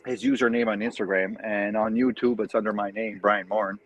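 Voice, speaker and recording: A man from New Brunswick, Canada, with a French Acadian accent chats hesitantly as a guest on a tablet video call, full of fillers and restarts. His voice sits on the low side with fairly even intonation and a fairly quick pace. The lo-fi audio is slightly dull, with a little hiss or hum.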